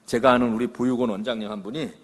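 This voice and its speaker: A man's voice: medium pitch, very fast, in a large hall. A middle-aged man giving a church parenting lecture, telling stories with acted-out quotes and often checking in with the audience. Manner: animated storytelling, acting out quoted lines, checking with the audience. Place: church hall.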